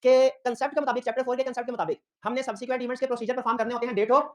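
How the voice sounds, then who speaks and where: A man's voice: very high-pitched, very fast. A man giving an audit lecture, who keeps checking whether his students follow and mixes in stories from his own work as an auditor. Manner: lively teaching with personal anecdotes. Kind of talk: classroom lecture.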